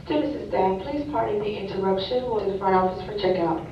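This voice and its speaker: Brief: woman on staff, quick formal announcement through a distant, echoey school intercom, muffled and noisy. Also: medium pitch. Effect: school intercom loudspeaker. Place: school building, heard over the PA.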